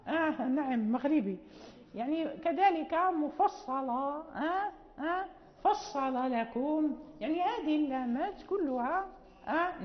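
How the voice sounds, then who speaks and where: A high-voiced woman teaches Quran recitation, explaining patiently and stretching out each example word slowly while checking in with her students. The sound is muffled and dull, carried on the long echo of a large hall. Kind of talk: classroom lecture. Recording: muffled reverberant hall recording.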